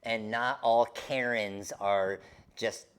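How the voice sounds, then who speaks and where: A man's voice: lowish voice, fairly even intonation, takes it slowly, clear, resonant tone. Casual male live-stream craft host. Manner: chatty and informal, addressing viewers by name.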